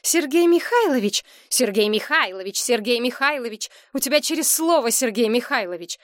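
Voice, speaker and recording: A woman's voice: on the high side, expressive, moderate pace, no echo, clean studio sound, pitched above the performer's own voice, lightly acted. A woman voicing a grave, suspicious adult daughter who speaks grimly and questions pointedly in an audiobook. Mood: probing. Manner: grim and probing. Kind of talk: audiobook character reading.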